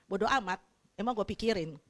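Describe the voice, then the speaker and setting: A middle-aged woman pastor preaching a sermon bluntly, now and then breaking into loud shouts. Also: medium pitch, a little fast. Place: church hall, livestreamed.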